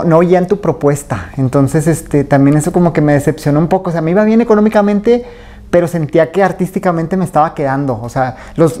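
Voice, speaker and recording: A man with a Mexican Spanish accent, a tattoo artist being interviewed. He tells his story in a relaxed, rambling way, full of fillers and acted-out quotes. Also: sits high.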